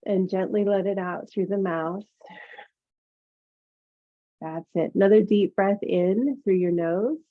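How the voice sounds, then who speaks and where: A woman teaching yoga and meditation, guiding relaxation in a gentle, soothing murmur with pauses. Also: mid-range voice. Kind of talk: guided meditation instruction. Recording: phone-like narrow-band sound.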